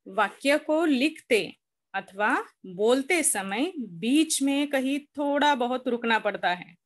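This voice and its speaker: A woman schoolteacher giving an online lecture, explaining slowly and repeating each point for her pupils. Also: on the high side. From India. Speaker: school teacher.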